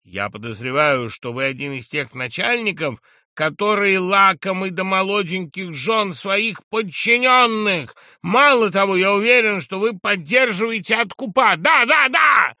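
A man's voice: medium pitch, very animated, moderate pace, few pauses, dry recording, studio quality. A man doing a drunk, furious young writer. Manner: ranting, accusing, shouting.

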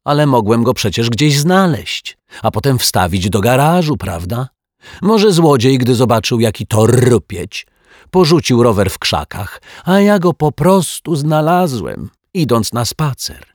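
A man voicing a smug, sneering villain in a children's audiobook, with a mocking, drawn-out delivery. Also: mid-range voice, sing-song, no room sound, studio quality, voice pushed up. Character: sneering pale male lout, smug villain.

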